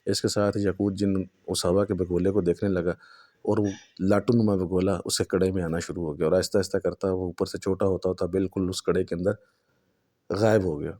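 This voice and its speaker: A man's voice: deep voice, mellow. A man narrating a horror story in a dramatic way that builds suspense.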